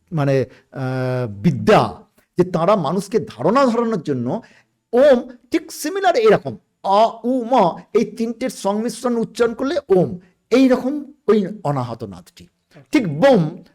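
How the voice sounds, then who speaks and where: High, lively-voiced man explaining spiritual ideas. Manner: measured and explanatory, with searching pauses. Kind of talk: explanatory spiritual discussion on a podcast.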